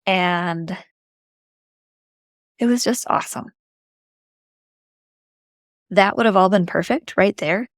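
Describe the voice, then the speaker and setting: A woman's voice: medium pitch, slow, long pauses, no room sound, studio quality. A middle-aged woman with an Upper Michigan Yooper accent telling a personal story in a chatty, informal, emphatic way. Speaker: vlogger.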